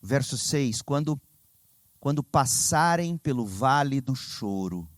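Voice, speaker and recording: A Brazilian man preaching a sermon as pastor, telling stories with lively, sudden high exclamations. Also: slow, no echo. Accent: Brazilian Portuguese. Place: church sanctuary.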